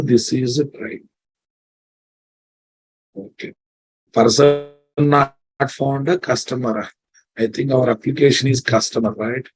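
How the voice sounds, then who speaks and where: A man's voice: medium pitch, breathy edge, low-quality recording. A man with a Telugu Indian accent giving an informal live programming lecture, often repeating phrases and checking that his students follow. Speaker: programming instructor.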